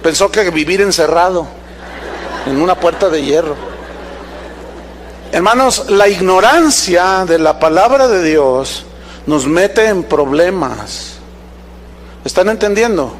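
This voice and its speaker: A man preaching a sermon as pastor, animated, with sudden pitch jumps and rhetorical questions. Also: takes it slowly, long pauses. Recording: long hall reverb, faint noise.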